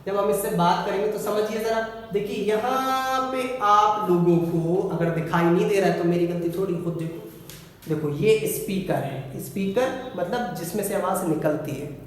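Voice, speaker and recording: A man's voice: high voice, moderate pace, few pauses, a little hiss or hum. A man teaching a physics lesson, playful, asking questions and answering them himself in a student's voice. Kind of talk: classroom lesson with student-style replies. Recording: echoey room, voice from far off.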